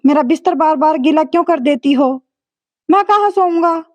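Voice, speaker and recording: A woman voicing a grown son in a storybook tale, impatient and quick-tempered, talking in an irritable, complaining way. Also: high voice, no room sound, close to an everyday voice. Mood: angry.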